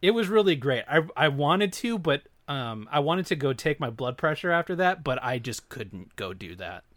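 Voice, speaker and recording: A man's voice: on the high side, very animated, moderate pace, no room sound, clean studio sound. A man in casual chat, joking and teasing, often breaking into laughter.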